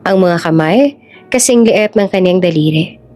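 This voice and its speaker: A woman narrating a scripted story in an even, measured way. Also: lowish voice, faint music behind.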